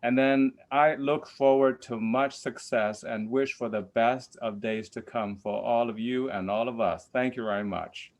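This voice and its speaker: A man's voice: medium pitch, steady tone, a little slow, hardly any pauses. A man on a webinar panel giving gracious, formal closing thanks. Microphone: video call.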